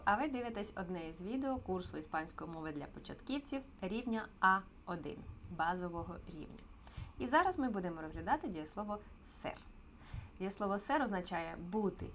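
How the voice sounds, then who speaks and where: Female teacher, mid pitch, patient and clear delivery, home recording with faint hiss. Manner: clear, patient explaining with frequent pauses. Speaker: Spanish teacher. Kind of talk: online language lesson.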